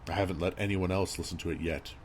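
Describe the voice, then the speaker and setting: A man reading a scripted horror story as narrator, in a measured, grave storytelling manner. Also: sits low, fairly even intonation. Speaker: creepypasta narrator. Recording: audible background noise and ambience.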